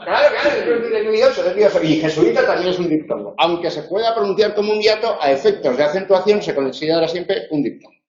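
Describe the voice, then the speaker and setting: In a roomy, somewhat dull classroom recording, the Spanish-accented university tutor walks his class through the material step by step. High-pitched, animated and a little mellow, he keeps correcting himself and tossing in quick tag questions.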